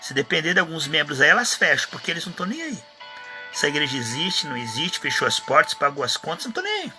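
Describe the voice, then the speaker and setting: A man with a Brazilian Portuguese accent preaching a live sermon as a pastor, mimicking whiny churchgoers in high voices. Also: animated, quick pace, over music.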